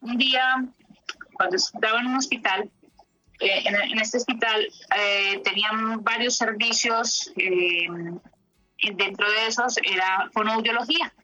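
A woman therapist telling stories from her practice in an interview, reflective and pausing with fillers. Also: a little high, fairly even intonation, bright, forceful tone, faint music behind, poor audio.

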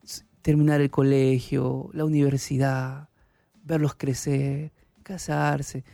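A man's voice: medium pitch, level tone, takes it slowly, gravelly, dark tone, no echo, clean studio sound, faint music behind. A male pastor voicing a remorseful young male convict who pleads and speaks contritely. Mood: sorrowful.

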